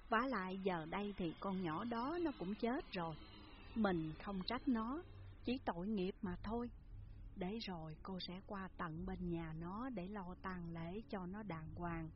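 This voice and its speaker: A woman's voice: on the low side, a little slow, close to an everyday voice. A woman voicing an outspoken village aunt who talks bluntly and emphatically, in a slightly muffled recording with faint hiss. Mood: comforting. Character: outspoken village aunt, scolding then comforting.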